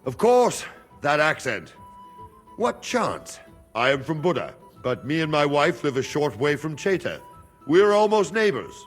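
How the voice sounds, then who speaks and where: An actor playing a wary guard in a game, speaking calmly and quietly threatening. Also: male voice, on the high side, faint music behind. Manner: calm, measured, quietly threatening. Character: wary Hungarian guard of a king, middle-aged man.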